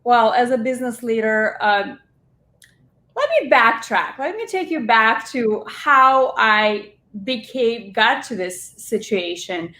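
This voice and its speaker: A woman's voice: a little high, animated, slow pace. A woman in her forties, originally from Russia, talking chattily as a restaurant owner guest in an interview. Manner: warm, chatty storytelling with laughs. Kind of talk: interview conversation. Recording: roomy echo.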